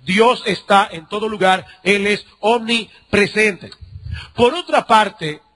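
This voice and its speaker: Pastor guy preaching, pretty high voice, repeats lines, goes loud and slow then drops quiet. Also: low-quality recording. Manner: repeats key phrases, asks the congregation rhetorical questions; swings between loud drawn-out emphasis and quiet low asides. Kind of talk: sermon.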